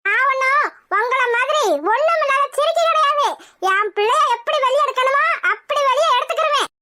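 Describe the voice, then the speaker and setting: A woman voicing a sharp-tongued, quarrelsome village mother in a cartoon, shrill and scolding. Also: a little fast, noisy background. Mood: defiant. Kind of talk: cartoon voice acting.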